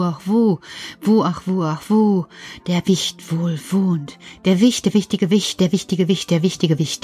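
A woman's voice: fairly low pitch, warm tone, slightly rough. A woman voicing Petra, a dreamy female puppet character reciting rhymes in a sing-song way.

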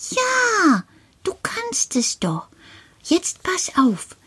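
A woman's voice: very high-pitched, huge pitch swings, fairly bright tone, exaggerated voice. Karl, a woman voicing a small cave-dwelling creature. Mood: patient coaching. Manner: slow, patient, often drops to a whisper. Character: cheerful little male cave-dwelling earth creature.

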